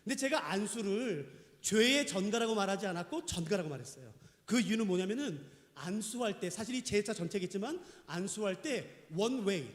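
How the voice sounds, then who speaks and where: A middle-aged male pastor preaching a sermon, emphatic and questioning the congregation. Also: sits high. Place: church sanctuary. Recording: echoey church hall.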